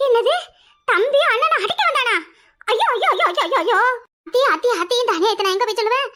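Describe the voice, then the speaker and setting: A woman doing a squeaky wailing village daughter. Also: expressive, a little fast, pushed and bright, full character voice. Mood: alarmed. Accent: Kanyakumari Tamil. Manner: wailing, melodramatic laments. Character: young married woman, beaten by husband, weepy and complaining. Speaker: daughter in a family quarrel. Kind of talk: village cartoon comedy voice.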